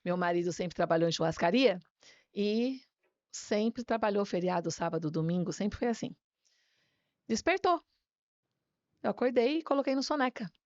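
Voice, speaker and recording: A woman pastor telling her personal faith testimony as a guest, a lively storyteller who often ends phrases with a tag question. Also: medium pitch, moderate pace, long pauses, no room sound, lo-fi sound.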